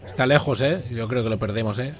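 A man giving excitable live commentary while playing a video game, often swearing and reacting loudly. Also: mid-range voice, a little fast.

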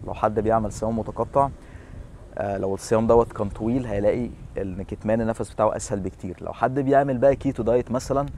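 Fast-talking Egyptian man explaining to camera. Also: fairly low pitch, a little mellow, a little hiss or hum. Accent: Egyptian Arabic. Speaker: fitness presenter explaining a breathing exercise. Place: outdoor seafront bench in a city. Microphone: lapel.

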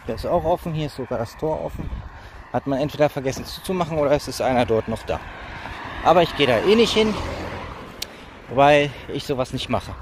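A man's voice: medium pitch, animated, a little fast. A man in his thirties talking casually and in a rambling way while walking along a roadside, as in a phone vlog. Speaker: vlogger. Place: outdoors on a village roadside. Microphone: phone held at arm's length. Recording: noisy outdoor roadside phone recording.

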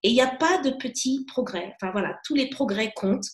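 A woman speaks as a guest coach in a casual interview, animated and full of quick restarts. Her voice sits fairly high. The recording carries a noticeable room echo. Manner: animated, many restarts and fillers. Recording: echoey room.

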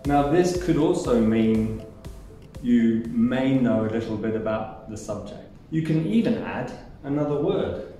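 Slow New Zealand man teaching in an echoey room. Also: medium pitch, expressive, dark tone, soft background music. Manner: demonstrates phrases with exaggerated intonation. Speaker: English teacher. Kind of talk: scripted language lesson. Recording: echoey room, mic at a distance.

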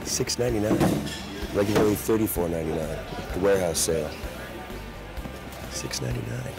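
A man's voice: on the low side, brisk, gravelly, loud music behind the voice, rough recording. A man in his thirties hosting a walkthrough of a crowded warehouse sale, upbeat and salesy. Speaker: host. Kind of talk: event walkthrough and vox-pop interviews. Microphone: handheld mic.

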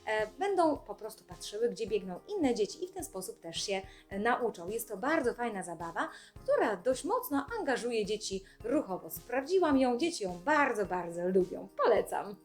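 In an instructional video, a young adult woman who works as a speech therapist calmly explains classroom games. She speaks clearly in a mid-range voice, with short pauses and faint music in the background.

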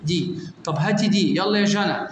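A man's voice: sits high, fairly quick. A young man with an Egyptian Arabic accent, teaching an English revision lesson. He quizzes students by name and often answers his own questions. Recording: echoey room with long reverb, faint noise.

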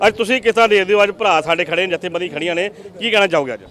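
A male field reporter interviewing people outdoors on a street, with a high-pitched voice. He talks fast and briskly, pushing out question after question. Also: a bit bright. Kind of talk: on-the-spot news interview.

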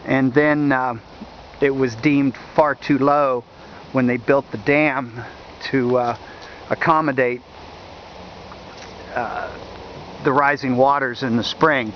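A man narrating a walking tour outdoors along a wooded riverbank, talking in a halting way with many fillers, recorded on a handheld camera mic. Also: medium pitch, steady tone, slight background noise. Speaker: history video host. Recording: dull lo-fi outdoor audio.

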